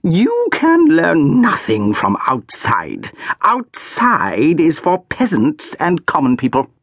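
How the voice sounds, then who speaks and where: A man's voice: a little high, wildly swooping pitch, takes it slowly, no room sound, studio quality, voice pushed up, exaggerated voice. A man putting on a haughty cold noblewoman. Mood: disdainful. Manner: snappish, disdainful. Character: haughty cold aristocratic aunt, woman.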